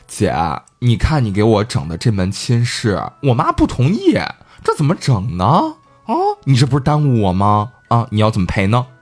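A man voicing a stubborn, lovesick young woman who complains petulantly, raising his pitch a little. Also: huge pitch swings, moderate pace, soft background music. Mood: reproachful.

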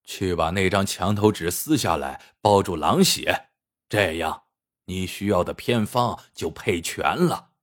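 A man voicing a shrewd old village hunter who speaks slowly and knowingly, like someone lecturing. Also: sits low, animated, a bit bright, voice pushed down, heavily acted.

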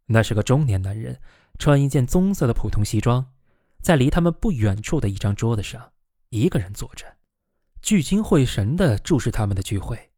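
A man narrates a novel in an animated reading, his pitch rising and falling widely. His voice sits at a middle pitch and sounds dry and close, with no room around it. He lifts his voice when he speaks the characters' lines. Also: moderate pace, no echo. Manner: lively, voices the quoted characters with raised pitch.

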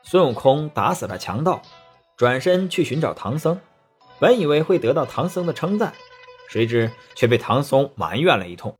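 A male storyteller reading a children's tale, his pitch swinging widely as he narrates. His voice is a little husky, and faint music plays under him. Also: normal speed. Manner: lively, expressive.

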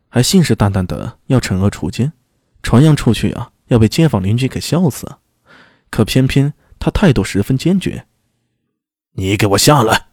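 A man's voice: mid-range voice, dark tone, dry recording, clean studio sound. A man narrating a web novel audiobook in a casual storytelling manner, with asides to the listener.

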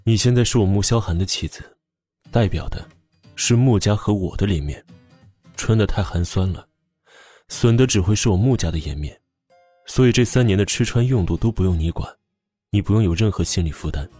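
A man's voice: fairly low pitch, fairly quick, dark tone, breathy edge, faint music behind. A man voicing a cold, domineering rich young husband who gives curt orders. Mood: commanding.

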